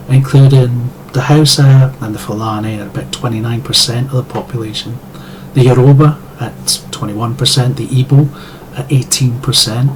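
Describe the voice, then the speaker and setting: A man's voice: medium pitch, a little hiss or hum, poor audio. A Scottish man delivering a sardonic, profane monologue as a commentator. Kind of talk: scripted monologue.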